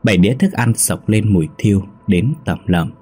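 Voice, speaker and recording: Man, horror story narration, very deep, dark, husky. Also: a little fast.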